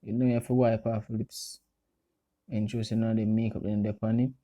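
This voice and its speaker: A Jamaican man talks casually through a process step by step. His voice is extremely mellow and dark, with no sharpness to it. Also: fairly low pitch, level tone, normal speed, a little hiss or hum. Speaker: friend doing a makeup voice-over.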